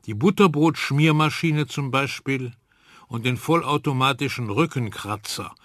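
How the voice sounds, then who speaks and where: Calm male storybook narrator. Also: medium pitch, no room sound, clean studio sound. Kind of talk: scripted children's story narration.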